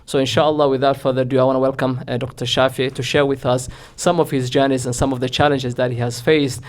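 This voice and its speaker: Man, event host, earnest, monotone delivery. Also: mid-range voice, fast. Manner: earnest, repeats phrases, sprinkles in Somali words. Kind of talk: welcoming speech.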